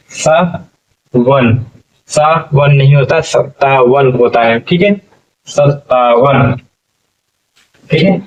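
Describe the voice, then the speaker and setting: Heard through a distant mic with the highs cut off, a teacher with a slightly high voice leads a patient class. He lengthens syllables and often checks understanding with "okay?"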